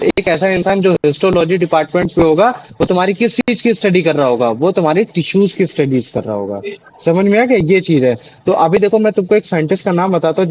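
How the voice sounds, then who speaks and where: A young man with a high-pitched voice tutors students in an online class taught in Hindi. He explains patiently, with many fillers and restarts, and the recording quality is low.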